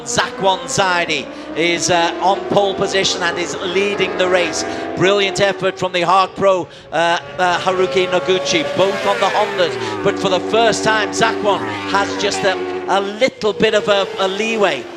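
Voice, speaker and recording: A man's voice: sits high, steady tone, moderate pace, few pauses, loud music behind the voice. A man working as a motorsport commentator, calling a live motorcycle race with dramatic play-by-play.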